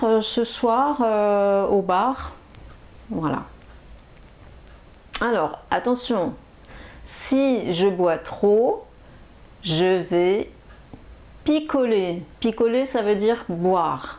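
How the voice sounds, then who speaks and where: A woman teaching French expressions in a language lesson, saying each phrase several times with many pauses and fillers. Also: mid-range voice, darkish tone. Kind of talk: slow, repetitive language lesson.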